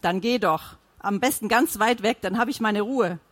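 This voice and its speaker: A woman voicing a blustering, angry middle-aged husband who shouts in exasperation during a marital fight in an audiobook. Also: sits high, normal speed, no echo.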